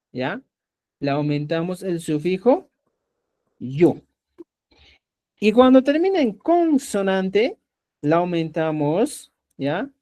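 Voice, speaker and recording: A man teaching a live online Quechua class, quizzing his students and saying "ya" again and again. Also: sits high. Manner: lively, repeats "ya" and quizzes students.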